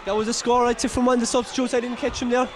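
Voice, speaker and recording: An Irish man with a strikingly high voice calls a local football match, openly taking sides. He shouts and gets carried away with excitement. His voice sounds worn from all the yelling. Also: very fast, slight background noise. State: nearly losing his voice. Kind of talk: partisan live sports commentary.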